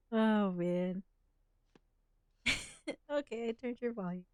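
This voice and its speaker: A woman with a slightly high, clean voice gives casual gameplay commentary while streaming from home, rambling and frequently laughing between thoughts. The dry, studio-quality recording comes from a desk microphone, and she wears headphones.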